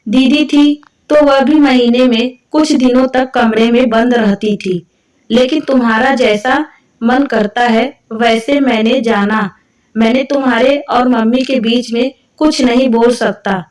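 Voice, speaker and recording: A woman's voice: a little high, steady tone, measured pace, a little mellow, echoey room, natural voice. Storybook role: evasive young husband, read by a woman narrator, slightly distant mic. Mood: dismissive. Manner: dismissive.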